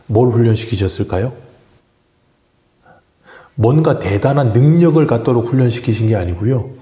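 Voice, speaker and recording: A man's voice: on the low side, dark tone, reverberant. A man preaching a morning sermon as pastor, asking the congregation questions and answering them himself. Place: church sanctuary.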